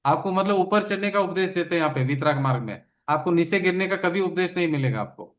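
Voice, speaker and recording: A man's voice: sits high, animated, fast talker, a bit bright. A man leading a study session as a religious teacher, explaining a text with emphatic, repeated phrases.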